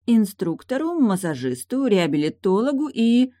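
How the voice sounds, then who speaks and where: A reader voicing a sharp-tongued young woman who teases in a languid, mocking way. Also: mid-range voice, very animated, moderate pace, dry recording, studio quality, pitched above the performer's own voice, close to an everyday voice. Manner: teasing, languid.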